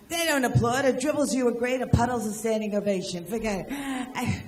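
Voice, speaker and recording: A woman's voice: fairly high pitch, roomy sound. An older woman doing a stand-up comedy set, firing off brash jokes and teasing people in the audience. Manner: brash, rapid-fire jokes and crowd work. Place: live venue with audience.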